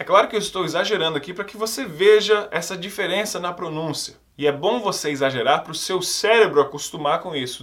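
A man's voice: fairly high pitch, fairly bright tone. A Portuguese-speaking man teaching English pronunciation, saying each word twice and exaggerating the sounds. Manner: models each word twice, over-articulated. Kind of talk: pronunciation lesson.

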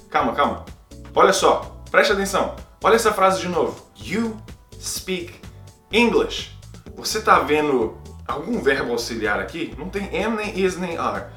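A man with a Brazilian Portuguese accent explains grammar as a video teacher, upbeat and playful. His voice sits a little high. He speaks in an echoey room, with faint music under him. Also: moderate pace. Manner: playful, lively, asks and answers his own questions. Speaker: English teacher. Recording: roomy echo, faint music.

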